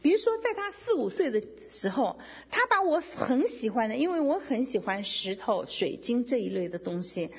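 Middle-aged woman, testimony speaker; husky, animated delivery, long hall echo. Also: a little high, normal speed, hardly any pauses. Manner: emotional, animated storytelling with quoted dialogue. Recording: dull lo-fi sound with long hall reverb.

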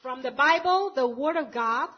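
A woman interpreting a church testimony live into English, quick and often correcting herself. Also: high-pitched. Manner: quick, with frequent self-corrections. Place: church meeting. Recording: muffled lo-fi recording.

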